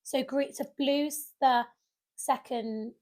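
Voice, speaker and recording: A woman's voice: high voice, fairly even intonation, takes it slowly, darkish tone. A young woman, co-hosting a podcast and telling a story with lots of acted-out quotes. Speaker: podcast co-host. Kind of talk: casual chat.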